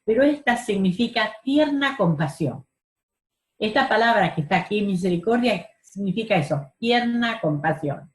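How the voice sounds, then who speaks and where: A woman's voice: medium pitch, darkish tone, echoey room. A woman teaching a Bible study class over a video call, earnest, stressing key words and asking rhetorical questions.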